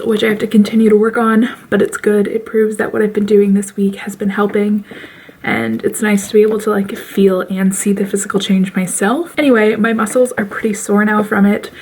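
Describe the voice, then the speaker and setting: Chatty young woman with gravelly fry. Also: mid-range voice, flat delivery, normal speed, a little mellow, slight background noise. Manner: chatty, frequent "like" fillers, laughs often. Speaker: vlogger. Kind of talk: casual vlog chat. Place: at home in her bedroom.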